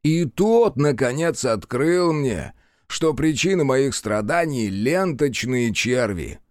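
A man's voice: medium pitch, expressive, takes it slowly, darkish tone, no room sound, clean studio sound. A man voicing a fat, fawning character who apologizes and explains himself in a cheerful, obsequious rush of words. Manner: obsequious, bowing and effusive.

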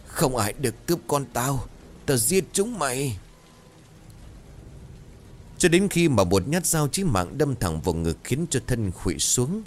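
Low-voiced man narrating a horror story. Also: a little hiss or hum. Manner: dramatic, expressive.

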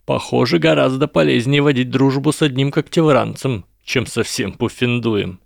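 A man's voice: medium pitch, moderate pace, vocal fry, dry recording, clean studio sound, pitched above the performer's own voice. A man voicing a haughty aristocratic schoolboy wizard with a sneering, drawling manner in a read-aloud story.

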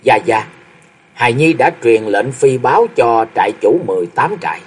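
A man's voice: medium pitch, lively intonation, moderate pace, slightly rough. A man voicing a loyal, emotional young male sworn son who speaks in an earnest, pleading way.

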